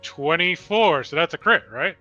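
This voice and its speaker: A man's voice: a little high, lively intonation, normal speed, pushed and bright, lo-fi sound, soft background music. A man playing a tabletop game in casual chat, laid-back and laughing often. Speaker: player.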